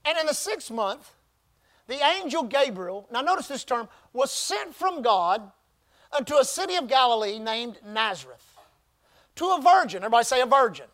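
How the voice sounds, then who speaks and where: A pastor preaches a sermon in call-and-response style, emphatically drawing out key phrases and prompting the congregation to repeat words back. His voice is very high, very animated and fairly bright.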